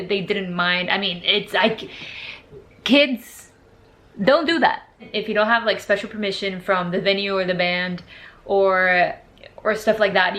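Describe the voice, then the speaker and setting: Born in Portugal and raised in Brazil, a young woman who photographs music acts and hosts her own channel chats casually to camera in a vlog. She's animated and rushes through her asides in a mid-range voice, recorded on the camera's built-in mic with faint room noise and no external microphone.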